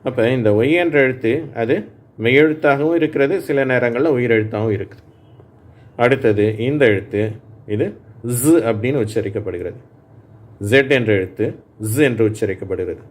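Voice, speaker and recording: A man with a Tamil accent gives an English phonics lesson to adult learners. He drills each sound slowly and clearly, then pauses so the listener can repeat it. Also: medium pitch, a little mellow.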